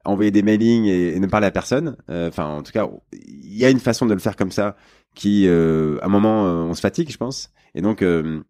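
A man hosts a podcast interview with a very low voice. He speaks casually, stumbling through fillers and restarts. The sound is dry and close. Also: expressive, a little fast, mellow, no echo. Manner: hesitant, many fillers and restarts. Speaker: podcast host.

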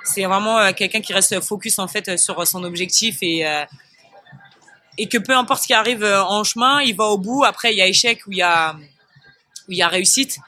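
A man's voice: high-pitched, moderate pace, bright, forceful tone, dry recording. A man, an athlete guest, talking thoughtfully in a casual interview and searching for his words.

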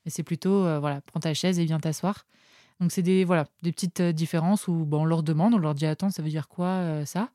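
A woman's voice: deep voice, fairly even intonation, brisk, dark tone, dry recording. A French woman, a nurse guest in a podcast studio, telling anecdotes casually with many hesitant fillers. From France.

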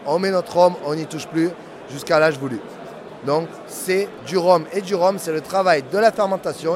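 Marseille-accented man pitching over a crowd. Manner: fast, assured sales pitch. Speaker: brand ambassador. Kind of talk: product presentation at a tasting stand. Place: indoor rum fair. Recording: loud crowd at a busy fair.

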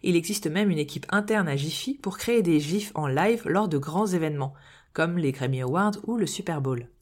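A woman's voice: deep voice, animated, normal speed, a little mellow. A woman hosting a podcast, reading a scripted explainer with wry, playful asides. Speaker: podcast host.

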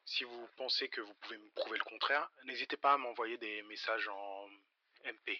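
A man's voice: lowish voice, a little fast, bright, forceful tone, no room sound. A man hosting a podcast, speaking a wry self-mocking aside to listeners. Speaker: podcast host. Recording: dull lo-fi recording.

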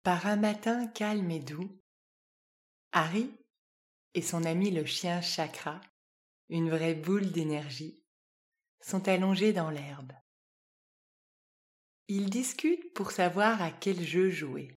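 Gentle woman reading a children's story. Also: on the low side, slow pace, pauses often. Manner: calm, soft, gentle narration.

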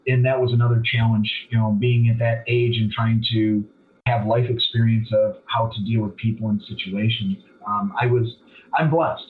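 A man in his forties, a business owner telling his story bluntly and candidly as a podcast guest, self-deprecating and animated when he makes a point. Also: on the low side, normal speed. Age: 40s. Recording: thin phone-like line, distant from mic.

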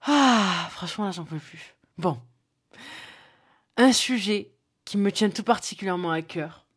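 A woman's voice: medium pitch, a little slow, breathy edge. A young woman with a Toulouse accent, telling a spontaneous story on her podcast and talking straight to the listener. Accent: Toulouse, southern French. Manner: spontaneous, chatty, addresses listener directly, many fillers. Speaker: podcast host. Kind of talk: casual solo podcast storytelling.

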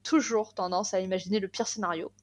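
A woman's voice: mid-range voice, steady tone, fast. A young adult woman talking casually as a podcast guest, enthusiastic, with many fillers and restarts.

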